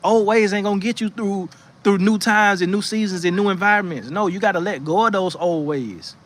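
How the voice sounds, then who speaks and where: A man whose voice sits high talks a little fast while hosting a faith livestream, rocking on his outdoor porch. Reading the chat and offering easygoing spiritual encouragement, he comes across as preachy and conversational, with frequent restarts and "you know what I'm saying."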